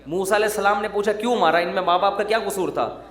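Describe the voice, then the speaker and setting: High-voiced preacher man, joking sermon. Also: a bit bright. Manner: jokey, teasing, conversational preaching. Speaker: Islamic preacher. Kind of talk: humorous sermon. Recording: roomy echo.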